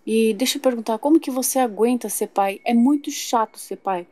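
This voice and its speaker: A fed-up young father complains in an exasperated, whiny tone, as a woman plays him. His voice sits on the high side as he grumbles through this playful toy soap opera. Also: a little fast, warm tone, dry recording, natural voice. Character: frustrated young man, reluctant new father.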